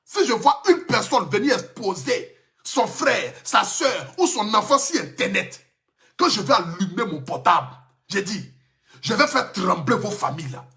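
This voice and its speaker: A man's voice: high voice, sing-song, measured pace, creaky, sharp tone, soft background music. A man with an Ivorian French accent giving an emphatic, impassioned live stream rant into his phone. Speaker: social media personality.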